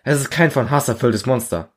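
A man reading his own short story aloud in a measured, earnest second-person storytelling voice. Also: mid-range voice. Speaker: narrator.

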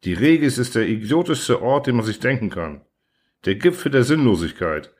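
A man doing a gruff, irritable starship commander. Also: medium pitch, sing-song, moderate pace. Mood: weary, blunt. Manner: blunt, sarcastic, flares into shouting. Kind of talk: audiobook character reading.

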